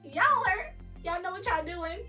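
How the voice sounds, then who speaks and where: A woman with a high, bright voice gushes through a casual episode recap, full of slang and asides to her viewers. She sounds a little away from the mic, with faint music playing underneath. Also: moderate pace, far from the mic. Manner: excited, chatty, slangy, addresses viewers as y'all.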